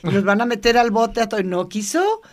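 An older woman tells personal stories as an interview guest. She talks in a lively, chatty way, laughing often and acting out the voices of the people she quotes. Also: fairly high pitch, a little fast. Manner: lively anecdotal storytelling, laughs often, acts out quoted dialogue. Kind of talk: casual storytelling interview.

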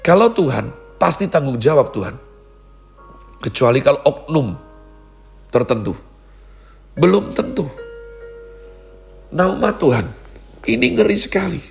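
A man preaching a sermon in an animated way, acting out quoted voices. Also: on the high side, measured pace, gravelly, long pauses, faint music behind. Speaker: pastor.

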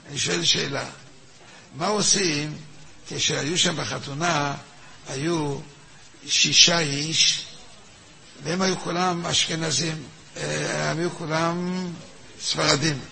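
Animated and slightly high-voiced with a creaky edge, a man runs his weekly religious class. He performs both positions in a halachic dispute, says words over again, and peppers the class with questions.

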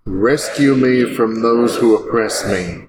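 A man's voice: mid-range voice, slow, noisy background. A man's voice among a congregation, reading psalm responses together with the group.

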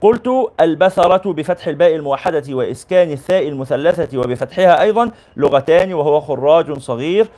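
A man's voice: a little high, expressive, quick pace, hardly any pauses, dark tone. A man teaching as a sheikh, reading a classical religious text aloud and explaining it in colloquial asides. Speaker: sheikh teaching a hadith book.

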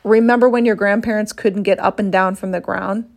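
A woman's voice: mid-range voice, fairly even intonation, a little fast, creaky. A woman in her fifties talking straight to her audience about women's health and fitness, blunt and passionate, swearing casually and sighing in exasperation. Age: 50s. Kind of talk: casual monologue to camera.

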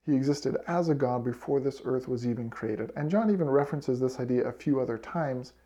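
A man's voice: medium pitch, brisk, mellow. A man hosting a devotional scripture-study lesson, speaking earnestly and reflectively and reading passages aloud. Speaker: scripture study podcast host.

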